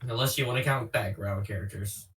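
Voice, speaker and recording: Man, podcast guest, bright sharp voice, rambling, self-deprecating, distant from the mic. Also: mid-range voice, brisk. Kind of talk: casual podcast chat.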